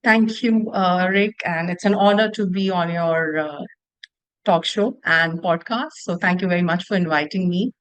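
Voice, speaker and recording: A woman's voice: lowish voice, moderate pace, dry recording, poor audio. Indian woman, dry close sound. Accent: Indian, from Mumbai. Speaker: guest, financial coach. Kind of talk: podcast interview.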